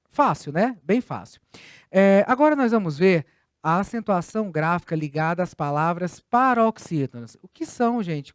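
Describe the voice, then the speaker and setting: A teacher giving a recorded grammar lesson, explaining step by step with patient, clear phrasing and questions to the students. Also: mid-range voice, no room sound, studio quality.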